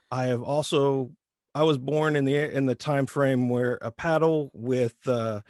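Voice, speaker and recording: A man's voice: mid-range voice, a little mellow, no echo. Man, 30s, light rural Midwestern twang, easygoing, rambling, dry recording. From Indiana, US. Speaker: voice actor guest. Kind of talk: casual interview.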